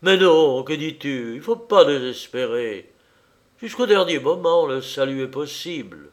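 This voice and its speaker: A man's voice: medium pitch, animated, a little slow, fairly bright tone. A man voicing a feverish young man who urges hope, speaking urgently and insistently. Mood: defiant reassurance.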